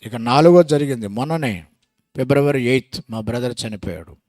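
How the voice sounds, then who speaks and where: A man preaching a sermon, swinging between loud exclamations and hushed asides and asking the congregation rhetorical questions. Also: medium pitch, expressive, moderate pace, no echo, studio quality.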